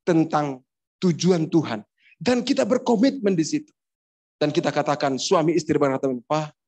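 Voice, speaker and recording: A man's voice: on the high side, darkish tone. A man preaching a sermon as a pastor in a church, joking and acting out household dialogues between husbands and wives. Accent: Indonesian. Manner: playful, acts out household dialogues.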